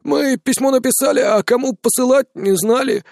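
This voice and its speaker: A man's voice: extremely high pitch, normal speed, creaky, a little mellow, no echo, studio quality, pitched above the performer's own voice. A man reading an audiobook, voicing a flustered elderly father who rambles in a simple, hesitant way. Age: older.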